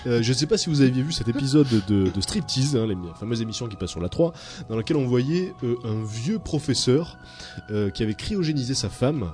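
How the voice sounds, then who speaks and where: A man hosting a radio chat show, telling odd stories in a lively, halting way full of fillers. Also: mid-range voice, soft background music. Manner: storytelling, many fillers, animated. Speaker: radio host.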